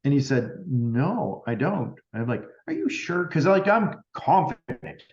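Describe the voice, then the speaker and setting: A man's voice: medium pitch, animated, measured pace, darkish tone. A man who is a medium, guesting on a podcast, recounting an experience in casual chat and acting out both sides of each conversation, with plenty of "like" fillers. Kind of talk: storytelling in a casual interview. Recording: roomy and slightly dull sound.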